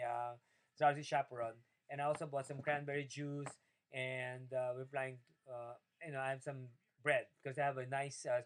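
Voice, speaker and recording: A man from the Philippines, speaking English as a second language, recounting his day in a rambling video diary with many fillers and restarts. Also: rough recording. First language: Tagalog. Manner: rambling, many fillers and restarts, rises in pitch when opinionated. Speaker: video diarist. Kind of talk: casual personal video diary.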